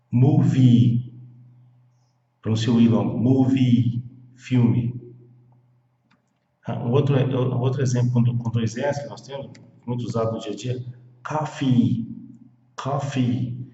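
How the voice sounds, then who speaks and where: A man's voice: medium pitch, steady tone, dark tone. Man drilling pronunciation in an echoey room. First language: Portuguese. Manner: slow, repetitive drilling of words. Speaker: English teacher. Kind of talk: pronunciation lesson. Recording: echoey room, dull lo-fi sound.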